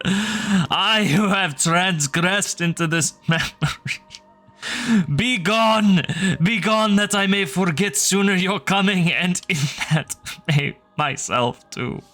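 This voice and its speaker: A grief-stricken ancient male creature, voiced by a game master, wails in a thick accent, pitched well above a plain speaking voice. His words come slow, grand and archaic. Faint music plays underneath. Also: bright, forceful tone, exaggerated voice. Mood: anguished wailing. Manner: wailing, archaic and grandiose speech.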